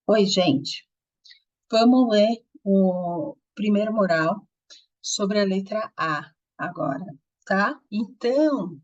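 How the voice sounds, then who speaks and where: A woman teaching in a video lesson, with Portuguese as her first language. She explains step by step and asks rhetorical questions as she goes. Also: medium pitch. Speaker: English teacher.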